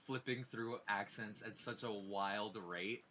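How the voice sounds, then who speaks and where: A man reading a visual novel's narration aloud for a let's play, with expressive delivery and casual, swearing asides. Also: on the low side, takes it slowly, a little hiss or hum. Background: faint game music.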